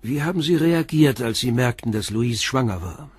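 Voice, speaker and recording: In a German crime radio play, an actor voices a calm, persistent middle-aged police commissioner who questions people in a measured, blunt, probing way. His voice is male, medium-pitched and husky, captured in clean studio sound without echo.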